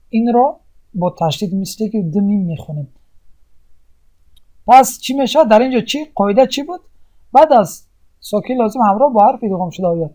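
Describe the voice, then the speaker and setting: This voice, pitched in the middle and mellow in quality, belongs to a recitation instructor teaching tajweed. The explanation unfolds gradually with pauses, and the teacher raises questions only to answer them.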